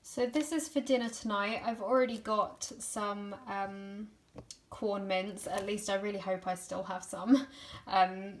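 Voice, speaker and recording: A woman's voice: medium pitch, steady tone, a little slow. Tired, breathless young woman vlogging. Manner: chatty, laughs often, many fillers. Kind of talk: casual vlog chat.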